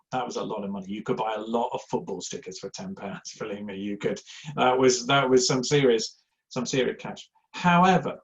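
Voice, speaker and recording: On a somewhat dull, lo-fi recording, a middle-aged man from Yorkshire, England, addresses a live audience informally as a church giving speaker. His medium-pitched voice has a gravelly edge, and he wanders loosely through personal stories, self-deprecating and heavy on ums and uhs.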